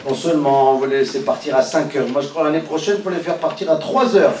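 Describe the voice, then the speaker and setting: A man's voice: fairly quick, a little hiss or hum. A man giving a religious lesson, questioning and teasing his listeners, rising to calls and dropping to murmurs. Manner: animated, questions and teases listeners, swings from loud calls to low murmurs. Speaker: rabbi teaching a class. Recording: echoey room, voice from far off.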